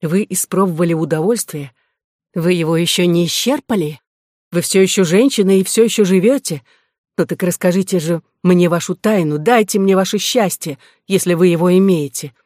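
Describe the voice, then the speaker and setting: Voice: medium pitch, normal speed, a little mellow, dry recording, clean studio sound, close to an everyday voice. A reader voicing a proud woman worn out by suffering, who speaks in an anguished, pleading way, in an audiobook of a classic novel. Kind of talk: audiobook reading.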